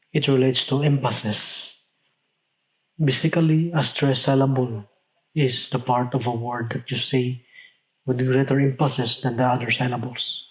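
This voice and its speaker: A man's voice: medium pitch, poor audio. A man teaching a recorded lesson, explaining step by step and sometimes stopping to correct himself. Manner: explanatory, with self-corrections and restarts. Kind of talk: recorded lecture.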